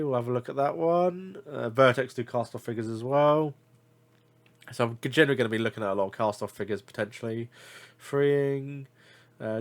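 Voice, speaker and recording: A congested British man with a mid-range voice and clean tone vlogs casually as a figure collector reviewing deals. His blocked nose is audible as he rambles through screen-share commentary, full of fillers and self-corrections.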